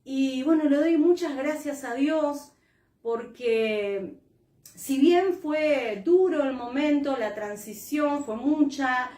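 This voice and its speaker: A woman's voice: high-pitched, slow, mellow, echoey room. A woman pastor with an Argentine Spanish accent, telling a personal testimony in a sermon, heartfelt, with many fillers and restarts.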